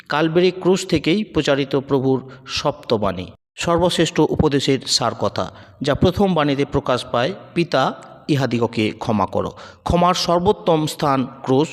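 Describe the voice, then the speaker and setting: Solemn man reading a sermon. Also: fairly high pitch. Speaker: preacher. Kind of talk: scripted devotional sermon.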